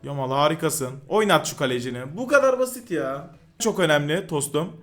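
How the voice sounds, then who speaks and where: A man giving live commentary over his own football video game match, excitable and quick to yell in frustration at the game. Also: fairly high pitch, soft background music. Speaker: gaming YouTuber.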